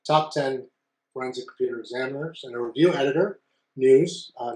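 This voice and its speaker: A man hosting a real estate roundtable on a video call, reading a measured scripted introduction while his audio sounds muffled and boxy, as if he were inside a closet. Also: mid-range voice. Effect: muffled, boxy audio, as if speaking from inside a closet.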